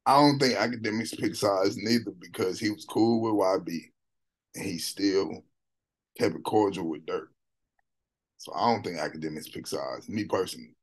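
This is a man with a slightly low voice giving relaxed reaction commentary on a song. He talks in a slangy, animated way and keeps circling back to quote the lyrics. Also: moderate pace. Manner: loose, slangy and animated, often repeating song lines. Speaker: music reaction host.

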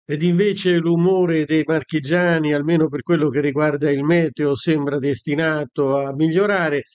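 A man's voice: a little high, fairly even intonation, moderate pace, darkish tone, dry recording, dull audio. A man hosting the show in a plain, casual way, with small hesitations. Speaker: host. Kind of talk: casual broadcast talk.

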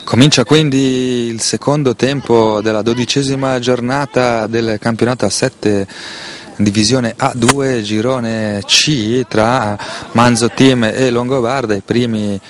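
A man with an Italian accent giving live football play-by-play in a measured, detailed way, sometimes correcting himself. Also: medium pitch, steady tone. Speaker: football commentator. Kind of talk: live play-by-play match commentary.

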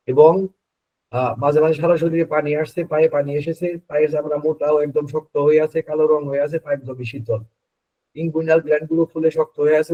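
A man teaching homeopathy, reading case notes in rapid lists and stressing key words. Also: on the high side, lo-fi sound. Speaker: homeopathy instructor. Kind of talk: lecture on repertory practice.

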